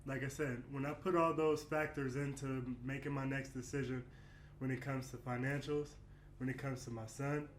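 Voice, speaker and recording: A man's voice: medium pitch, level tone, normal speed, slight background noise. Reflective young man in an echoey room. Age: 20s. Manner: candid, reflective, lots of "you know what I mean". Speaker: basketball player guest. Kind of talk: casual interview chat. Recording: echoey room with faint music.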